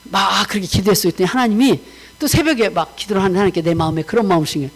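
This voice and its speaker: A woman missionary giving a personal testimony to a congregation in a warm, conversational way, mixing casual and polite speech and acting out remembered conversations. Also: mid-range voice, very fast, husky, rough recording. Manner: animated storytelling, acting out remembered dialogue.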